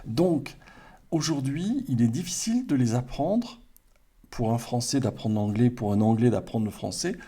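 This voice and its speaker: A man with a French accent explains vocabulary calmly on a livestream, often checking that viewers follow along. His voice is mellow and a little husky, with lively intonation. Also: medium pitch, moderate pace. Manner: calm and explanatory, checks in with "hein" and "d'accord". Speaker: French teacher, co-host.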